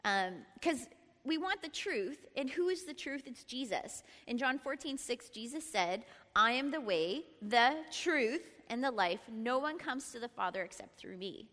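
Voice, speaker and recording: Middle-aged woman Bible teacher, lively and chatty, slightly high, bright voice; ringing reverb of a large hall. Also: measured pace. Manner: lively, laughs often, prompts the group to repeat. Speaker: teacher at a church Bible study. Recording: long reverb in a large room.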